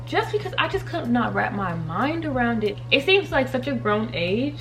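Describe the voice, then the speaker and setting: A thirty-year-old beauty and faith vlogger chats through her makeup routine, giggling a lot and speaking right to her viewers. Her fairly high, sing-song voice has a fairly bright tone and moderate pace. A little hiss or hum is audible.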